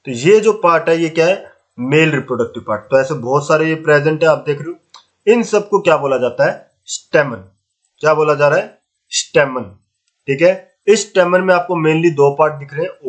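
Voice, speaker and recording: A man teaches a school science lesson in a casual, encouraging tone. His voice sits a little high for a man. He keeps asking the class a question and then answering it himself. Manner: asks rhetorical questions and answers them himself; mixes English terms into Hindi speech, casual and encouraging. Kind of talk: classroom lesson explaining flower parts.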